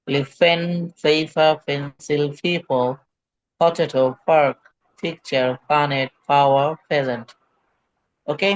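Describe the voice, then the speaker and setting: Over dull, low-fidelity online call audio, a male English teacher runs a pronunciation drill, patiently repeating words for his students. His slightly high voice holds a steady tone at a measured pace, with a dry recording.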